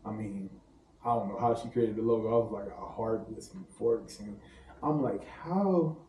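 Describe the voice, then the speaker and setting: A man's voice: on the low side, fairly even intonation, moderate pace, warm tone, a little hiss or hum. A man from St. Louis, a private chef, chatting casually as a podcast guest, telling loose, laughing, slangy stories. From St. Louis, Missouri. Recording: roomy room, distant mic, faint ambience.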